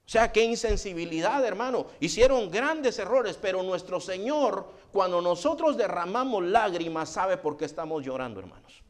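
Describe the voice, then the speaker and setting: Fervent pastor with a higher voice. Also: male voice, expressive, moderate pace, hardly any pauses. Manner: fervent, keeps addressing listeners as brother. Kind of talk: sermon.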